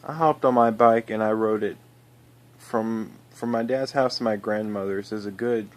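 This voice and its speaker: A man's voice: fairly low pitch, steady tone, normal speed. A man telling a personal story in a loose, rambling way, often restarting sentences and leaning on "you know" and "I was like".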